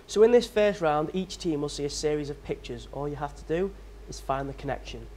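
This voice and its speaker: A young man runs a quiz show with bright, teasing patter. His voice sits somewhat high for a man, and a faint hiss runs under the recording. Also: animated, brisk. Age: young adult. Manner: upbeat, teasing presenter patter. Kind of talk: hosting a staged quiz show.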